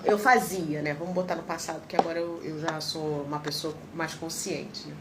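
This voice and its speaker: A Brazilian woman in her thirties tells personal stories on a livestream, with a slightly low voice. She is animated and acts out the people she quotes. A clear layer of background noise sits behind her. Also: a little fast. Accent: Brazilian Portuguese. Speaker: reiki practitioner. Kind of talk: casual livestream chat.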